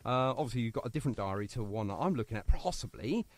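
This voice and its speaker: A British man hosts a radio show, joking around casually with a guest and rambling with plenty of fillers. His mid-range voice has lively intonation and a quick pace, and there's no room sound.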